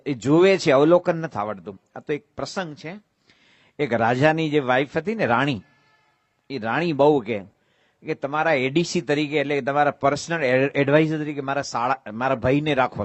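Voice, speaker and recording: A man with a Gujarati accent preaches a devotional sermon, voice sitting somewhat high for a man. He tells stories and poses rhetorical questions. The sound is dry and close, with no room echo. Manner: asks rhetorical questions, bursts into sung verses. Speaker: preacher giving a religious discourse.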